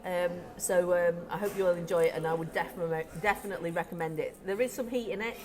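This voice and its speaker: A woman co-hosting a casual food tasting chat, talking with her mouth full and filling pauses with ums. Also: lowish voice, fairly even intonation, darkish tone. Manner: chatty, eats while talking, many ums. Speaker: deli owner co-host. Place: deli or shop indoors.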